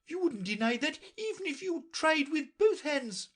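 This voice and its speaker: The Red Queen, shrill and imperious. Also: very animated, moderate pace. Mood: imperious scolding. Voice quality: sharp, loud, scolding. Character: stern bossy queen, sharp and imperious.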